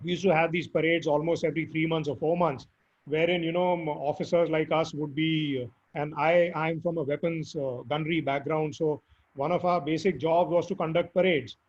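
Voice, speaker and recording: Hoarse squeaky-voiced man giving advice. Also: fairly even intonation, brisk. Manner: earnest, emphatic advice with fillers. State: hoarse, squeaky voice after illness. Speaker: guest speaker. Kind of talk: interview answers. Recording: dull lo-fi audio.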